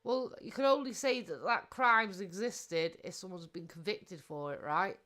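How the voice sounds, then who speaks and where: A woman's voice: medium pitch, moderate pace, a bit bright. A woman co-hosting a livestream, chipping in with blunt, sweary, mocking remarks and greeting viewers. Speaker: livestream co-host. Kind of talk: casual livestream banter.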